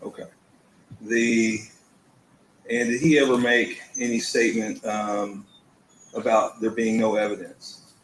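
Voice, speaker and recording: A man in a courtroom recording, an attorney questioning a witness, halting with frequent ums and restarts. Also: lowish voice, flat delivery. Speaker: prosecuting attorney. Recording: echoey courtroom with faint hiss.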